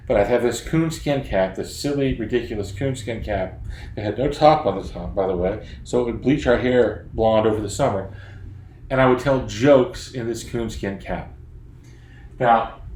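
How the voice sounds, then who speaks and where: This fiftysomething children's author from Florida jokes about himself in a chatty, casual talk aimed at young readers. He speaks at a medium pitch from his home office, where the sound is roomy and faint noise lingers behind him.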